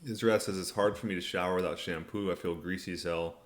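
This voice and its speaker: A man's voice: sits low, fairly even intonation, fast talker. A man hosting a casual livestream Q&A, talking in a laid-back, colloquial way as he reads and answers viewer comments. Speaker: livestream host.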